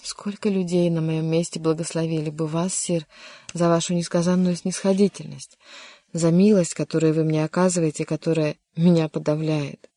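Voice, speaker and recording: Brief: reader as a heartsick young noble, earnest and bitter, dark mellow tone, dry. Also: medium pitch, level tone, normal speed, no echo, natural voice. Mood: melancholy. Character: melancholy lovesick young nobleman. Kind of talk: audiobook character reading.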